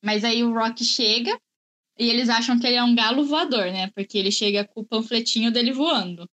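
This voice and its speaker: A woman's voice: on the high side, fairly quick, a bit bright. A woman in a casual film discussion, chatty and explaining at length.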